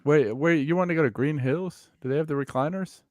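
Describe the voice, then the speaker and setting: A man's voice: on the high side, a little fast, a little mellow. A man in his thirties in casual, profane chat, telling joking stories about going out with friends. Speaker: streamer.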